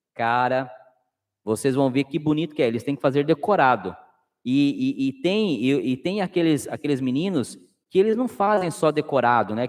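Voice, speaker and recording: Brazilian guy chatting on his live stream, kinda high voice, slangy and fatherly, long reverb on the audio. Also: darkish tone. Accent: Brazilian Portuguese. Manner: slangy and fatherly, calls viewers nephews. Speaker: host of a live stream reading viewer chat. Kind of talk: casual live-stream chat.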